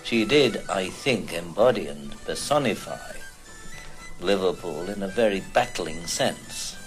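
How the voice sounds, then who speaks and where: Deep-voiced man speaking deliberately. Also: expressive, music in the background, poor audio. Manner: measured, deliberate. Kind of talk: documentary interview.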